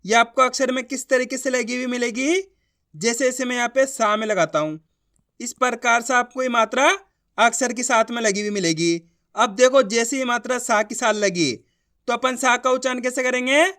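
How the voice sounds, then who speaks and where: Brief: young male teacher with a very high voice, patient and repetitive, sounds out syllables slowly for beginners. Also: pushed and bright. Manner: patient, repetitive, asks if it is clear. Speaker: Hindi teacher. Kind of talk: beginner reading lesson.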